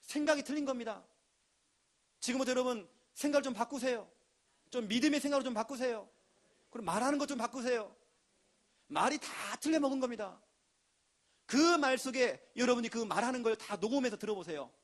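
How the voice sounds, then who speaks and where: A pastor delivering an emphatic sermon in a notably high voice. He drives his points home and slips into the voices of the people he quotes. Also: a little fast, long pauses. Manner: emphatic preaching with acted quotes.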